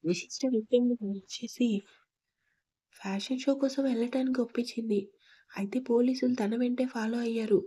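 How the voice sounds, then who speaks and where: Husky-voiced woman storyteller. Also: on the high side, steady tone, normal speed, dark tone. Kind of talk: audio story narration.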